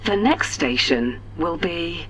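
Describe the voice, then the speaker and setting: A woman voicing an automated onboard train announcement, calm, measured and formal. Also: fairly low pitch, a little hiss or hum. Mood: announcing.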